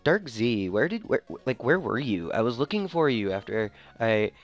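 A man's voice: medium pitch, sing-song, normal speed, dull audio, soft background music. A man voicing a chatty, peppy teenage valley girl, reading video game dialogue in character. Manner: valley girl talk with filler "like".

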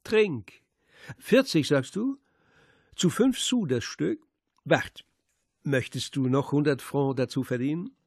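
A man's voice: medium pitch, steady tone, normal speed, a little mellow, no echo, studio quality, natural voice. A man voicing a cruel, mocking Czech man who taunts a police inspector, reading it as part of an audiobook. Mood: taunting. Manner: mocking and contemptuous.

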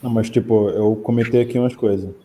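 A man in a casual online programming meeting, quick with questions and jokes. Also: fairly low pitch, steady tone, mellow, slight background noise. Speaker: coding dojo participant. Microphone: home computer mic on video call.

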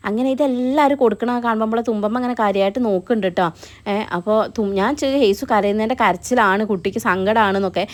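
A young woman talks over her family vlog at a very fast pace. She keeps the narration chatty and often tags on a 'you know'. It sounds like a close-mic voice-over of medium pitch. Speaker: family vlogger.

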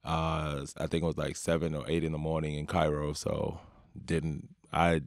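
A man in his thirties from Sudan, a basketball player, talking in a relaxed, unhurried way with drawn-out fillers in a studio. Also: a bass voice, no room sound. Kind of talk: casual interview talk. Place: home studio with guitars and keyboards. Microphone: studio mic with headphones.

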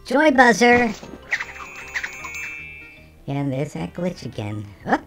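A game streamer talking through a voice changer that shifts the pitch, chatting casually with viewers while playing. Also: huge pitch swings, slow, music in the background. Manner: chatty, talks to chat between game actions. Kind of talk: casual let's-play chat with viewers.

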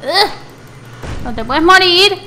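Girl doing a gameplay commentary, high voice, takes her time, squeals a lot, faint hiss behind. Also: takes it slowly. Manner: excitable, squeals and shouts at surprises, hums to herself.

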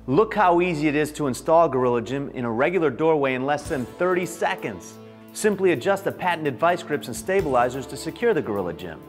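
A man's voice: on the high side, expressive, fairly quick, faint music behind. A man reading a scripted commercial voice-over in an upbeat selling manner. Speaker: announcer.

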